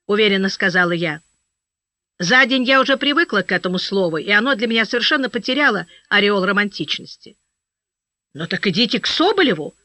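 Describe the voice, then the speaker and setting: A woman narrating a first-person audiobook story in a steady storytelling manner, voicing the dialogue. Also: fairly high pitch, no echo. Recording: dry, slightly dull audio.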